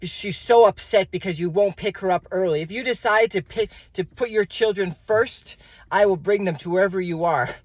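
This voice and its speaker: A man's voice: high voice, normal speed, no echo, pitched above the performer's own voice. A man imitating a grown woman, his ex, reading out her reproachful messages in a raised, strained voice. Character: upset adult woman, his ex, pleading and reproachful.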